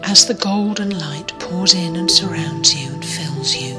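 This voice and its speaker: Female meditation guide, low and very slow, breathy whispery delivery over a clear music bed. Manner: soft, soothing, often breathy and whispered.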